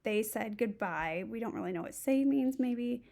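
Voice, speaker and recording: A middle-aged woman who teaches Spanish, a native English speaker, walks through each step of a recorded screen lesson while thinking aloud. Her voice is fairly high, creaky, and mellow, with lively intonation at a moderate pace.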